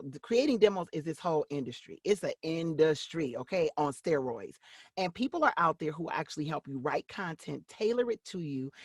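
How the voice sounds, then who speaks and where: An excitable woman voice actress speaks as an interview guest. Her pitch leaps up and down as she talks. Her voice has a husky, slightly breathy edge. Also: dry recording, studio quality. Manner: animated and excitable. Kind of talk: casual interview talk.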